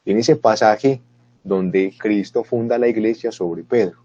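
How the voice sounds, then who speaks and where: A man with a low, mellow, husky voice teaches a Bible lesson. He speaks straight to his listeners and rises with feeling when he quotes scripture. The recording is dull and lo-fi. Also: measured pace, no room sound. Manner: earnest, animated when quoting scripture; talks to listeners directly with asides. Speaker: catechist.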